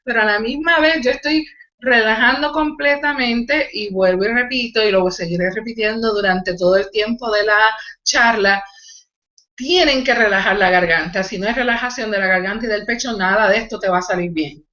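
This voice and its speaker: A woman's voice: a little high, normal speed, pushed and bright, echoey room, lo-fi sound. A woman vocal coach teaching a live online singing lesson, explaining technique and demonstrating nasal exercises. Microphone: video call.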